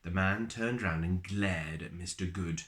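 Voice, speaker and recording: Here a low-voiced man reads a picture book for children, performing it like a storyteller. Dramatic pauses and drawn-out words give his reading its expressiveness.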